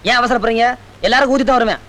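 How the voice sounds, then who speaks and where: A man's voice: very high voice, steady tone, very fast, sharp tone. A man in a film comedy scene, talking back cheekily.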